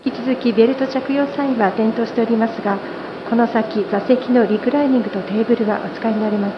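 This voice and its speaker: A woman flight attendant making a polite, formal plane cabin announcement over the cabin loudspeaker. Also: fairly high pitch, fairly even intonation, very fast, dull audio, noisy background. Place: airplane cabin.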